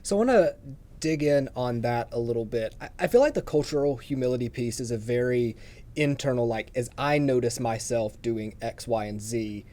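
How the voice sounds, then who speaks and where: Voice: mid-range voice, moderate pace, mellow. An interviewer asking long, thoughtful questions that wind through several restarts.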